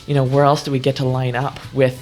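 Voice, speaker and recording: Canadian guest guy, middle voice, earnest, kinda halting. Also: mid-range voice, completely flat delivery, darkish tone. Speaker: guest paddler. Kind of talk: casual interview.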